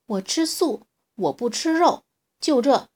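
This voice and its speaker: A woman voicing a timid but brave young male dinosaur in a storybook reading, shouting and stammering, with a slightly husky voice. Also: high voice, animated, takes it slowly, voice pushed up, full character voice. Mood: defiant.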